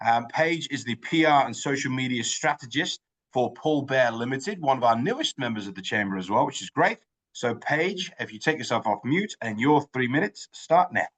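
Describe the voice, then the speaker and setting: A man's voice: mid-range voice, expressive, normal speed, fairly bright tone, rough recording. A man hosting an online business networking meeting, effusive and upbeat, often restarting his sentences. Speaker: host of an online networking event. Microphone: video call.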